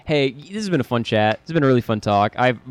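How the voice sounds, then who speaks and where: A man's voice: medium pitch, expressive, quick pace, clear, resonant tone, no room sound, lightly acted. A man playing a chatty, goofy lawyer and detective in an improvised comedy scene, rambling with many false starts.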